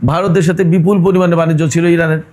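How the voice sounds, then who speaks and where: A male commentator whose voice sits a little high for a man. He builds his case point by point, talks straight to his audience and keeps throwing pointed rhetorical questions. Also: level tone, quick pace, a little mellow. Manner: addresses listeners directly. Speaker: political commentator. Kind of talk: opinionated news commentary.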